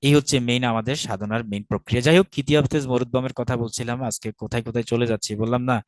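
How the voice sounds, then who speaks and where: A man with a Bangladeshi Bengali accent teaching a Sanskrit lesson online, patiently repeating each word slowly for pronunciation. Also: medium pitch, fairly even intonation, dry recording.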